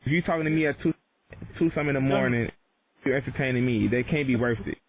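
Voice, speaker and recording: A man's voice: mid-range voice, fast talker. A man arguing defiantly outdoors at a front door, lecturing and repeating himself, caught on a doorbell camera. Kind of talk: argumentative street talk. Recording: noisy, thin phone-like doorbell camera audio.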